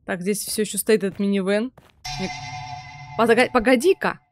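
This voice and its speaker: A woman's voice: mid-range voice, normal speed, faint music behind. A young adult woman giving casual muttered commentary on a horror game as she plays, reacting aloud. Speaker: game streamer. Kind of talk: horror game let's play commentary with read-aloud subtitles.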